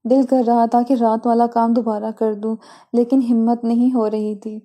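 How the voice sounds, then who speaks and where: A woman tells a scripted first-person story in a steady, unhurried way. Her voice sits a little high, and its tone is very dark and mellow. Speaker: story narrator.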